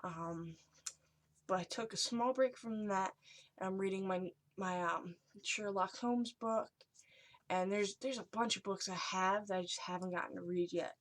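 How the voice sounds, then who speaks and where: A young woman speaks in a hushed, whispery manner, as though passing on secrets. She sits at a middle pitch for a woman. Her delivery is that of a casual vlogger, reading short lines and chatting about them. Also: normal speed. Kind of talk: casual chat, reading and reacting to short messages.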